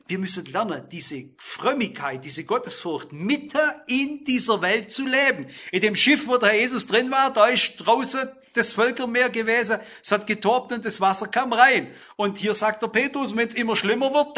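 A middle-aged man preaching a sermon, speaking straight to the congregation and slowing down to stress key phrases. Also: sits high, sharp tone. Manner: addresses listeners directly, emphatic with slow stressed phrases.

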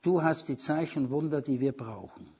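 A man's voice: a little high, moderate pace, mellow, slightly rough. A man preaching a sermon with emphasis, quoting scripture and dropping wry asides. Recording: dull lo-fi sermon recording.

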